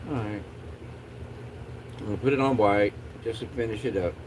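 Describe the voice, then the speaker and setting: A man's voice: lowish voice, normal speed, darkish tone, slight background noise, low-quality recording. A man chatting casually as a livestream host in a laid-back, rambling stoner drawl.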